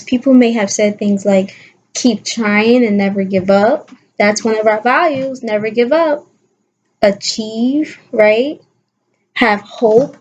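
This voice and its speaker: Her voice sits high as this woman kindergarten teacher gives young children an expressive read-aloud lesson, using questions to coax them and emphasizing key words. The recording's highs are cut off.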